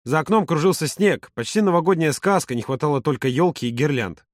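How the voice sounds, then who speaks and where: A man narrating an audiobook in an even, measured reading. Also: fairly high pitch, no room sound, clean studio sound. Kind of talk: scripted narration.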